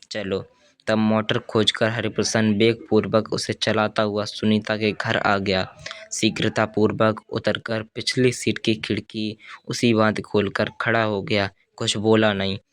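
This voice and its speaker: A man reads a literary novel aloud in a measured, even way. His voice sits low and stays flat in pitch, smooth and clear, recorded dry and close. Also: no room sound. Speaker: audiobook narrator. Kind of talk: scripted narration.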